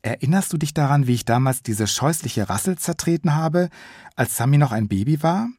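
A man reading his own audiobook in the first person as an earnest, guilty young boy, calm in his storytelling. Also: a little high, brisk, slightly rough, no room sound, studio quality, pitched above the performer's own voice.

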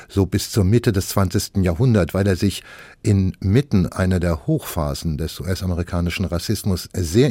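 A man hosting a radio book review, measured and questioning. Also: sits low, mellow, dry recording. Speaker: radio culture host.

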